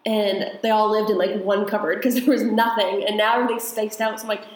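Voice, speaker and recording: A woman's voice: mid-range voice, flat delivery, a little fast, reverberant, low-quality recording. A woman from the United States, co-hosting a podcast in rambling casual chat, often laughing. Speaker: podcast co-host.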